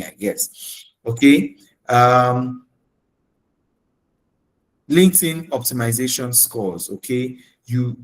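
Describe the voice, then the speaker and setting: A man's voice: mid-range voice, poor audio. A man with a Nigerian English accent giving career advice on a webinar, speaking emphatically and often checking in with "okay?" and "right?". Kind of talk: coaching talk on a webinar.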